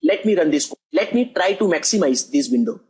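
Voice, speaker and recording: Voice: mid-range voice, lively intonation, a little fast, darkish tone, slightly rough, poor audio. A coding tutor talking through a screen-recorded programming lesson step by step, often repeating "as you can see over here".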